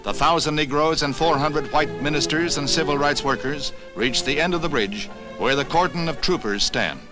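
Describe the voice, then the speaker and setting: A man's voice: on the high side, poor audio. Old newsreel narrator, a man over music. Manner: formal, measured announcer delivery. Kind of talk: scripted 1960s newsreel narration. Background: music score under the narration.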